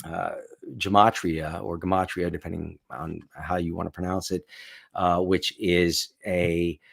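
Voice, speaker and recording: A man with a very low voice reads aloud and comments as the host of a stream. He rambles, restarts his sentences and fills the pauses with ums and uhs. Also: monotone, creaky. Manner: rambling, hesitant, many fillers. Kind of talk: casual reading and commentary.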